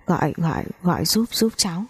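A woman's voice: on the low side, lively intonation, brisk, husky. A woman voicing a grief-stricken twenty-year-old heiress, speaking in broken, pleading phrases.

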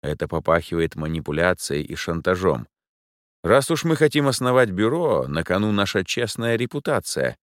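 A man voicing a calm, courteous older professor who speaks in a measured, slightly lofty way. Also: sits low, no room sound, clean studio sound. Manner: measured, polite, faintly lofty.

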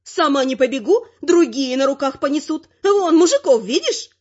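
A woman voicing a spry, sharp-tongued, bossy old grandmother in a brisk, scolding way. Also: high-pitched, very animated, voice pushed up. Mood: sly. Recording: muffled lo-fi recording.

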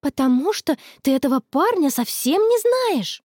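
Storybook teen girl, eager and anxious, read by a woman; high, lively delivery. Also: normal speed, no room sound, clean studio sound. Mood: worried, eager. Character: excitable worried schoolgirl, teenage.

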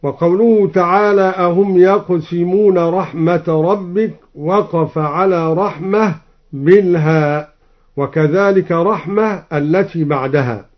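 A man presenting Quran recitation readings, explaining each variant and then chanting it in a slow melodic style, on an old radio recording. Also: high-pitched, lo-fi sound. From Egypt.

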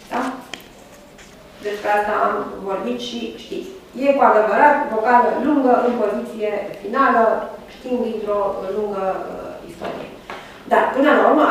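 A fairly high-voiced woman lectures to a class, pausing often with drawn-out fillers and checking that her students follow. She is caught from a distance in a very echoey room. A faint background hiss runs under her voice. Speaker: university lecturer.

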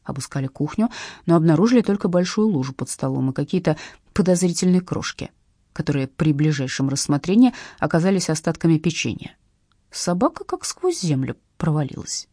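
A woman narrating a comic story in a low, dark, slightly husky voice that rises and falls with lively expression. The recording is close and dry. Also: fairly quick, dry recording. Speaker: audiobook narrator. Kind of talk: expressive audiobook reading.

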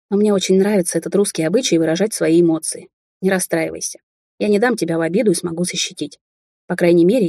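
A woman's voice: lowish voice, mellow, husky, dry recording, clean studio sound. A woman voicing a young Chinese heir. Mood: tender. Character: young Chinese man, rich heir, hot-tempered.

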